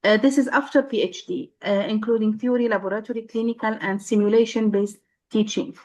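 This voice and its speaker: A woman from Syria, a nursing professor, speaking on a video call and pausing often with fillers and restarts. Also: fairly high pitch, steady tone, darkish tone. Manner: halting, many fillers and restarts. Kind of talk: casual panel chat.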